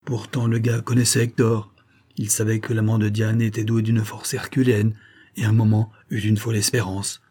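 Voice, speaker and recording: A man reading a novel aloud as audiobook narration in a steady, measured way. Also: on the low side, slightly rough. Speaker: audiobook reader.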